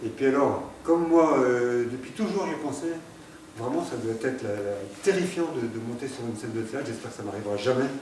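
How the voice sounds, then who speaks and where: A man's voice: medium pitch, fairly quick, darkish tone. A man giving a hesitant, casual account of joining an amateur theatre group, with many fillers. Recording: echoey room, speaking from far off, background noise.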